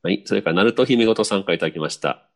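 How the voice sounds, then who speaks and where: A man's voice: fairly low pitch, rapid-fire. A man hosting a podcast, reading listener messages aloud and chatting casually, often chuckling and answering with short "un" sounds. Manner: relaxed, chatty, frequent laughter and back-channel "un". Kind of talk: casual chat.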